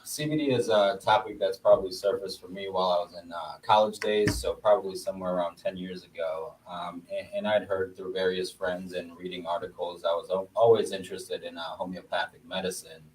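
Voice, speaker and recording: A man in his thirties from Bosnia, a guest entrepreneur speaking in a measured way with many pauses. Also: low voice, steady tone. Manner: measured, lots of "uh" fillers. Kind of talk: casual interview chat. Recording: distant mic with faint noise.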